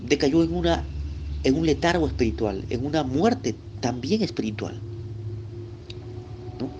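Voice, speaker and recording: Animated but a little slow, a man from Lima, Peru, gives a recorded Bible lesson in Lima-accented Peruvian Spanish, his middle-pitched voice somewhat dark in tone. He chats directly with the listener and checks in using little tag questions. A faint hiss sits beneath the dull-sounding audio.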